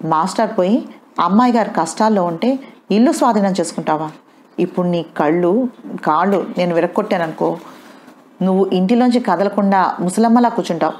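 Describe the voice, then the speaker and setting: A woman voicing a rough, rowdy young man with a hot temper who shouts threats in an audio novel. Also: lowish voice, a little fast, close to an everyday voice. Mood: furious.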